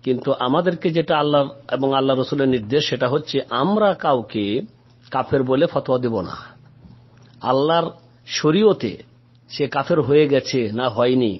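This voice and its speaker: A man's voice: medium pitch, moderate pace, pauses often, dull audio. A man answering a religious question as a scholar, explaining carefully and growing emphatic as he retells a story. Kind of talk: religious Q&A lecture.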